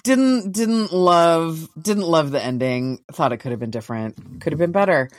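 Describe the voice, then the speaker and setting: A woman co-hosting a podcast, chatting casually about TV shows in a relaxed way, now and then swearing. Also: low voice, moderate pace, no echo. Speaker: podcast co-host.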